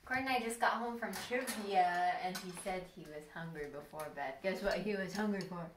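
A woman's voice: fairly low pitch, normal speed, over a noisy crowd. Upbeat young woman vlogging in a roomy kitchen. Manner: chatty, upbeat talk to camera. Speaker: host. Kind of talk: casual cooking vlog. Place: home kitchen.

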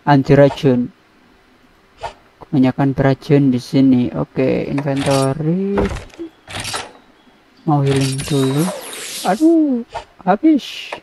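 A man giving casual let's-play commentary on a video game, excitable and repeating words in quick bursts. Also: medium pitch, background noise. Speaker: gameplay commentator. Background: game music.

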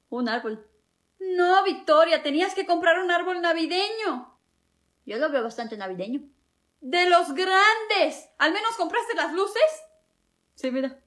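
A woman from Cuba who speaks with a Mexican Spanish accent, acting out comedy sketches and switching quickly between sassy family characters. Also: high voice, fairly bright tone. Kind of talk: comedy sketches playing several family members.

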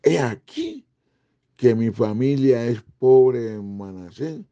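An older man preaching a recorded sermon as a pastor, slow and emphatic, with frequent exclamations. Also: mid-range voice, lively intonation, mellow, highs cut off. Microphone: close-up camera, head and shoulders framing.

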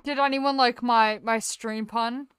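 A woman's voice: on the high side, steady tone, measured pace, very noisy. A woman hosting a casual gaming livestream, chatting playfully with exclamations and self-interruptions, on a close compressed streaming microphone. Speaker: game streamer host. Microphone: close streaming microphone with software compressor.

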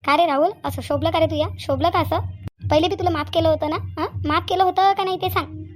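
A woman with a Vidarbha Marathi accent voicing a middle-aged village aunt in a cartoon, scolding loudly and repeating herself. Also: very high-pitched, steady tone, quick pace. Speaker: aunt Shanta. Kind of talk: cartoon dialogue acting.

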